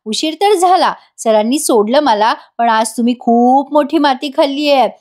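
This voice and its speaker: A woman's voice: high-pitched, moderate pace, a little mellow. A woman voicing a cheerful, talkative young woman from a TV serial, speaking lightly in a slightly raised voice.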